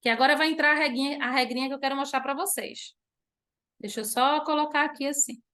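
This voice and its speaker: A Brazilian woman with a notably high voice leads an online class. She explains patiently, slowing down and stretching the words she wants to stress. She keeps posing questions and then answering them herself. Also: steady tone, pushed and bright. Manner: drawn-out stressed words when demonstrating. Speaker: teacher.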